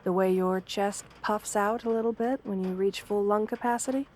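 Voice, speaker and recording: Her intonation fairly even and her voice near its everyday sound, a woman plays a wolf-girl therapist for ASMR. The soft, medium-pitched delivery is careful and formal, gentle and understanding, with a calm, guiding, professional reassurance throughout.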